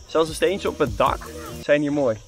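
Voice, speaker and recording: A man in his twenties with a Netherlands Dutch accent, chatting casually and excitably in slangy vlog style. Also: a little high, moderate pace, faint music behind. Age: 20s. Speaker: vlogger. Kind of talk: casual vlog chat during a game of hide-and-seek. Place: large villa, moving between rooms and outdoor terrace. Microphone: handheld camera at arm's length.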